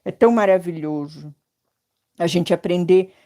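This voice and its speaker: A woman's voice: fairly low pitch, moderate pace, dark tone. A woman teaching hand embroidery on a live stream, chatty and affectionate. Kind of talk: live-streamed craft lesson.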